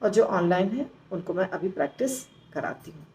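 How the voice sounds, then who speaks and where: A woman teaching how to pronounce Sanskrit verse, splitting hard words into syllables and repeating them slowly. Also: lowish voice, expressive, warm tone, slight background noise, low-quality recording. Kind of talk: slow recitation lesson.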